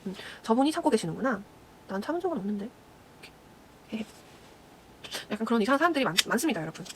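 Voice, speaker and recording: A young woman chats to her viewers at a very quick clip, a former announcer telling stories from her career. She slips into little voices for the people she quotes. A faint noise sits under the recording. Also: medium pitch. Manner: chatty storytelling, acts out quoted people. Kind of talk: casual chat to viewers while doing makeup.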